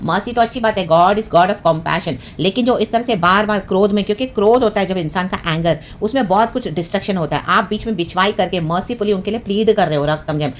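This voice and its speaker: A woman's voice: mid-range voice, quick pace, few pauses, a little hiss or hum. A woman preaching a devotional sermon, mixing English phrases and often repeating hallelujah and amen. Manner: fervent, peppered with hallelujah and amen.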